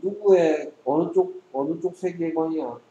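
A man's voice: fairly high pitch, a little slow, warm tone. Guy tutor drilling english sentences, blunt teasing, kinda muffled roomy recording. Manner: teasing, quizzing, blunt slang. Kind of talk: casual one-on-one English lesson.

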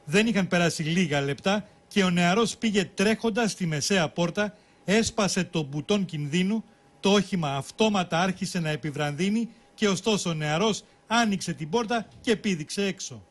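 Man, reading a statement, steady, rather high voice. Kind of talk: read-out statement.

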